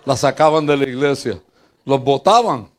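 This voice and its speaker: An older male pastor with a Puerto Rican accent preaches in a lively, joking way. His voice sits at an ordinary middle pitch, rising into loud bursts and dropping into low asides as he tells stories from his church. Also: normal speed. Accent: Puerto Rican Spanish. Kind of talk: humorous preaching with personal stories.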